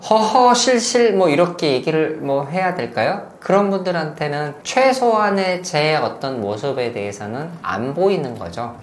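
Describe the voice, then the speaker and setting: A male psychiatrist answers interview questions in a measured, explanatory way, his intonation rising and falling widely. His voice carries the echo of a roomy space, with a faint noise underneath. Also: a little high. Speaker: psychiatrist guest.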